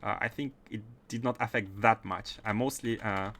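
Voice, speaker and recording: A man's lowish, fairly bright voice keeps a steady tone and moderate pace as he chats casually on a gaming livestream. He has a Russian accent and frequently repeats and restarts phrases while playing.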